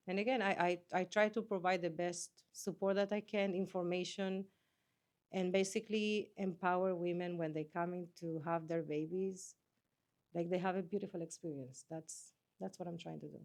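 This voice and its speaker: A woman's voice: lowish voice, steady tone, moderate pace, darkish tone. A woman working as a doula, speaking earnestly. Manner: earnest, repeats and restarts phrases. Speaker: doula, interview guest. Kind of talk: conversational interview.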